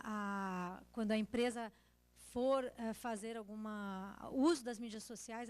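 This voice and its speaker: A woman with a Brazilian accent speaking at a conference, answering audience questions in an explanatory way with examples. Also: on the high side.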